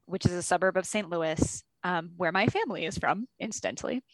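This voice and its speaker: A woman's voice: fairly low pitch, brisk, dry recording. A woman hosting an interview, curious and stacking several follow-up questions. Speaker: host.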